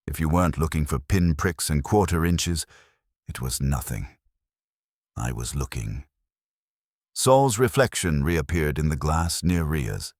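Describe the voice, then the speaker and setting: An audiobook narrator with an extremely deep voice tells a first-person detective story in a measured, wry way, his intonation moving a lot. The recording is dry, with hardly any room sound.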